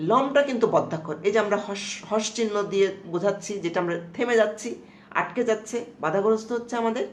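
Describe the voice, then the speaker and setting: A woman teacher giving a slow, explanatory lecture, repeating terms and asking checking questions. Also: medium pitch. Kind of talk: lecture on Bengali prosody. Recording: echoey room with faint noise.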